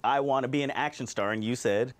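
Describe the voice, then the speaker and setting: A man's voice: mid-range voice, fast, lightly acted. A man playing an exasperated actor. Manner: earnest, exasperated. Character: frustrated male actor wanting new roles. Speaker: actor client of an agent.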